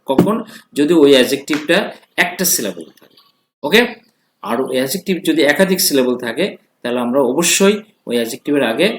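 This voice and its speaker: Guy teaching grammar, voice a bit high, asks the class stuff then answers it himself, echoey room. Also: a little hiss or hum. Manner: switches between two languages. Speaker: English teacher.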